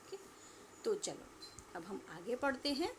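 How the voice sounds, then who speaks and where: A female schoolteacher with a fairly high voice leads a children's lesson at an unhurried, drawn-out pace. She poses questions and answers them herself, stretching words so pupils can repeat after her. Faint room noise sits under her voice. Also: very animated. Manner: slow, drawn-out repetition for pupils to echo. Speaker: school teacher. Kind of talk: online Hindi lesson for young children.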